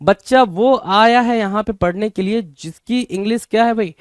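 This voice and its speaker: Addressing his students as "bhai," a male teacher with an Indian English accent drills exam vocabulary through repetition and rhetorical questions. His voice is high-pitched and moderately paced, with studio-quality sound and no room noise.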